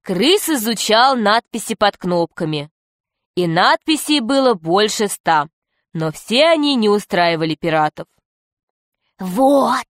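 A woman's voice: medium pitch, sing-song, unhurried, dry recording. Woman reading a children's story, dry sound. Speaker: narrator. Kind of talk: audiobook narration of a children's story.

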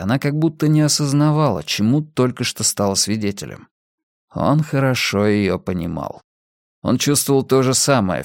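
A man reading a crime novel aloud as an audiobook narrator, with expressive intonation. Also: on the low side, no room sound, clean studio sound. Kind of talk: scripted narration.

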